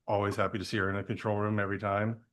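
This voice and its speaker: A man hosts a podcast and chats casually with his guest. His voice sits low for a man, and he speaks in an easygoing way, often pausing and reaching for "uh" and "like". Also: level tone, fairly bright tone. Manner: hesitant, many fillers, easygoing. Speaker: podcast host. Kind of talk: casual interview.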